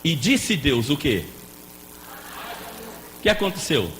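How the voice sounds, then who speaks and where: A man preaching a lively sermon as a pastor, playful and joking with the congregation. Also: fairly high pitch, takes it slowly. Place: church hall. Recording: echoey hall with faint noise.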